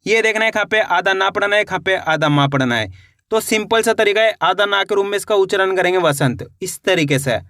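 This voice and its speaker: A man's voice: sits high, animated, a little fast, pushed and bright, dry recording, clean studio sound. A man teaching Hindi reading, sounding out each word syllable by syllable and repeating it, encouraging his viewers. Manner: encouraging, addresses viewers as friends. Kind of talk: slow spelled-out reading lesson.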